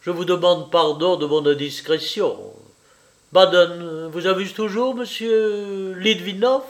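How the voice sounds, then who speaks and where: A man reading an audiobook, voicing a smug middle-aged general who speaks with loud, hearty, mocking politeness. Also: on the high side, animated, a little slow, voice pushed up. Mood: mock-polite.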